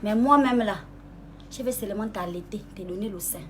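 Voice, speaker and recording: A young woman rapper, taunting a rival in a casual live-stream monologue, sweet-talking and mocking and calling her "baby", jumping higher in pitch when she gets worked up. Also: a little hiss or hum. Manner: mocking and sweet-talking, calls the listener "baby", asks "hmm?"; drawls some words slowly, voice jumps higher when angry.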